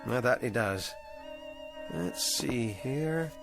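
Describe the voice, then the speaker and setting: Over music, an actor in a 1960s television drama voices a struggling male ventriloquist whose luck has run out, using a mid-range, expressive voice at a slow pace. He talks with eagerness and worry, staying anxiously upbeat.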